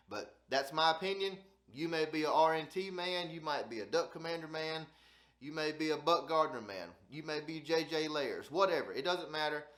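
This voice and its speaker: A man with a Southern accent from Alabama talks in a slightly high-pitched voice. He teaches like a down-home channel host, casual and folksy, often doubling words for emphasis. The recording is noticeably echoey. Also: fairly bright tone. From South Alabama, United States. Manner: folksy, repeats phrases for emphasis. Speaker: host of a duck hunting channel. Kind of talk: casual instructional talk.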